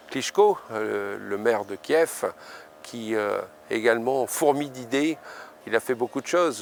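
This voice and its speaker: A man's voice with a marked gravelly grain and ordinary pitch: a company head answering an interview in an assured tone, with a few hesitations. He speaks in a steady, businesslike way. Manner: assured, with some fillers.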